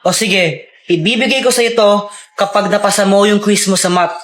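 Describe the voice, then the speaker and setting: A woman voicing a smug doctor character who teases and holds back a prize, in a lowered voice. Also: normal speed, natural voice. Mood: teasing. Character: teasing doctor character who withholds a gem. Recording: echoey room.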